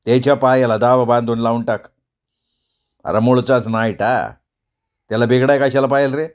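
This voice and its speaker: A male storyteller voicing a proud, quick-tempered elderly village man who scolds and boasts in rustic speech. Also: medium pitch, fairly even intonation, natural voice. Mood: scornful.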